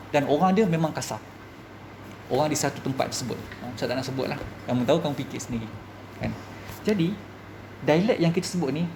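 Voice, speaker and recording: A man with a Malaysian Malay accent, a religious teacher giving a classroom lecture, lively and full of rhetorical questions to his students. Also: on the high side, a little hiss or hum.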